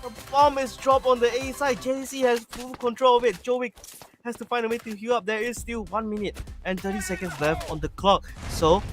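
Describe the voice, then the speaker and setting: A woman casting an esports match live in an excitable, exclamatory way. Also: fairly high pitch, fairly quick, soft background music. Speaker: esports caster. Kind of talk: live esports play-by-play commentary.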